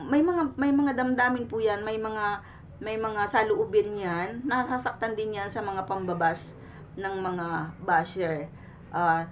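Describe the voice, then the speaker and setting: Earnest woman vlogger, far from the mic. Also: medium pitch. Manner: earnest, pleading, with many fillers and restarts. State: sweating from the heat. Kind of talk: casual reaction commentary to the camera. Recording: distant mic with faint room noise.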